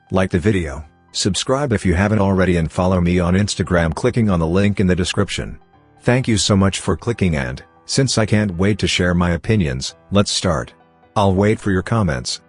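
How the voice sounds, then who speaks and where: A computer-generated male voice with a deep, slightly husky tone reads a scripted commentary. Its delivery is even and machine-like, and soft music plays faintly behind it. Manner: even synthetic read-out delivery. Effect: text-to-speech robot voice. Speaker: channel host.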